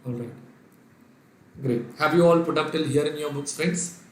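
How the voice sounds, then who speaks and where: A finance lecturer from Kerala, whose first language is Sindhi and who has an Indian English accent, runs a live online revision lecture. He dictates the working step by step and reads out viewers' names, answering them as he goes. His voice sits on the high side at a moderate pace, with reverberant sound.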